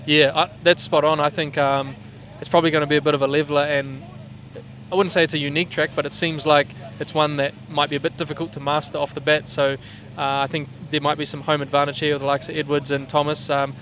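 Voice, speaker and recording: Fast-talking Kiwi man, broad New Zealand accent. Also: a little high, flat delivery, fairly bright tone. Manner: laid-back, slangy. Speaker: race car driver being interviewed. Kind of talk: casual interview chat. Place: outdoors at a speedway. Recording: outdoor trackside with vehicle noise.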